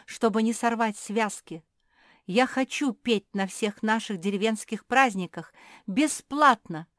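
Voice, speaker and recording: Woman voicing small animal girl, proud singer, earnest and solemn, a bit high, storybook. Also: no room sound, studio quality, lightly acted. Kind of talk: storybook reading.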